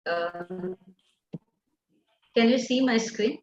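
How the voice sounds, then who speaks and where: A woman's voice: medium pitch, extremely slow, a little mellow, a little hiss or hum. Indian female webinar speaker, very courteous and deferential, formal delivery; dull, echoey online call sound. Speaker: guest medical speaker at a webinar. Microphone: video call.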